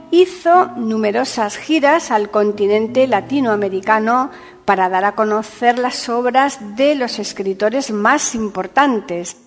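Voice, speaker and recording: A woman hosting a podcast, reading scripted narration in a measured, formal announcing manner. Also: fairly high pitch. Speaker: podcast host. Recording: long reverb, music bed.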